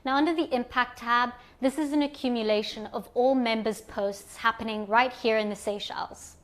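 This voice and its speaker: A Zimbabwean woman with a slightly high voice presents an online platform, guiding new users through each screen in order. She explains calmly, step by step, at a normal speed.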